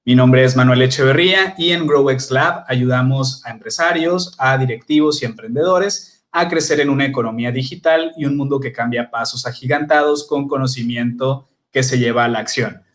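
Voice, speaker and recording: A man, hosting an online masterclass with formal, measured introductions. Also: mid-range voice, fairly bright tone. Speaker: host.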